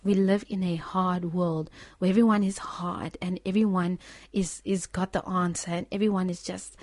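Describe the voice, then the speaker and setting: A woman with a fairly low voice preaches informally and earnestly, retelling a testimony in a plain, conversational way. She restarts her sentences often, and the sound is dry and close. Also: little pitch movement, moderate pace, no echo. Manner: earnest, with repeated restarts and soft laughs. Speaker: speaker sharing testimony. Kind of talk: informal sermon.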